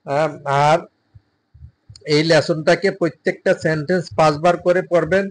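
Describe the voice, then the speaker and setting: A man with a Bengali accent teaching English, drilling sentences slowly with translations and frequent "ah" fillers. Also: fairly high pitch, steady tone, rough recording. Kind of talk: bilingual language lesson.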